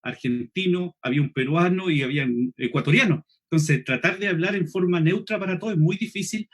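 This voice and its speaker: A high-voiced man with a Chilean Spanish accent, teaching a preaching seminar online. He talks quickly, eats his final S sounds and keeps checking in with the listeners. The voice has a husky edge. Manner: quick, clipped speech, swallows final S, frequent "¿cierto?" checks. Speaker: preaching instructor.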